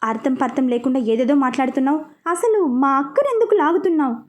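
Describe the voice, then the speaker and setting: A woman's voice: sits high, fast talker, darkish tone, lightly acted. A woman voicing an angry young office worker who scolds and insults her boss.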